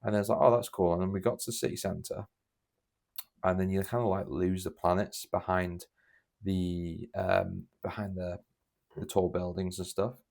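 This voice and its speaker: A man's voice: low voice, little pitch movement, normal speed, vocal fry, darkish tone. A young man, casually telling a story in a rambling way, full of fillers and restarts. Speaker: podcast host.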